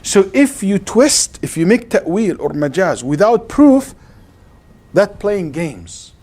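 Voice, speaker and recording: His voice sits high and sing-song, with a darkish tone and a slow pace, as this Arabic-accented man teaches an interactive religious lesson. Acting as an Islamic lecturer, he explains carefully and checks comprehension with questions. The recording captures a clearly noisy live class at an Islamic center.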